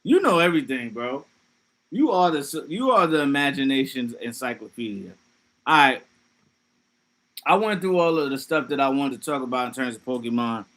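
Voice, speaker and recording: Bright-voiced man riffing casually on stream. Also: mid-range voice, expressive, moderate pace. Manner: loose, profane, joking riffs. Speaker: livestream host. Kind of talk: casual livestream commentary.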